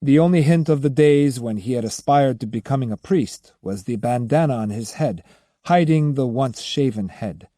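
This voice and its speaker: A man narrating a novel in an audiobook, expressive and measured. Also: mid-range voice, no room sound, studio quality. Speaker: audiobook reader.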